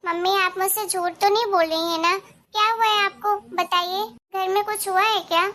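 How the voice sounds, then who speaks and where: Figure: a woman voicing a grumbling young daughter-in-law, very high-pitched. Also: steady tone, moderate pace, sharp tone. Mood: worried. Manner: chatty muttering to herself. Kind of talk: cartoon storytelling.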